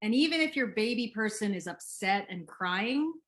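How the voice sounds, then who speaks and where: A middle-aged woman, a parenting expert being interviewed, speaks in a gentle, soothing and unhurried way. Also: mid-range voice, expressive. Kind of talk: interview conversation.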